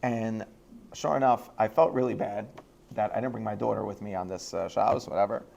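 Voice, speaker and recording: A rabbi telling a self-deprecating funny story to a school audience, animated and laughing as he goes. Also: on the low side, fairly quick, vocal fry. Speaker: rabbi giving a talk at a high school. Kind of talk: humorous personal storytelling.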